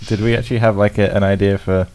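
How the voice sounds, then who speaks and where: A man's voice: lowish voice, flat delivery, quick pace, darkish tone. A man in casual podcast chat on a headset mic, rambling and laughing often. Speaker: podcast co-host.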